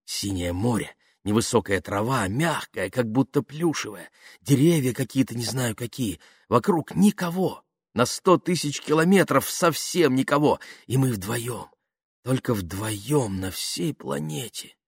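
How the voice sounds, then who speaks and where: A man reading an audiobook, voicing a shy, romantic young woman who speaks softly and wistfully. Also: mid-range voice, expressive, moderate pace, slightly rough, no echo, clean studio sound. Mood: whispery dreamy. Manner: soft, hushed, wistful.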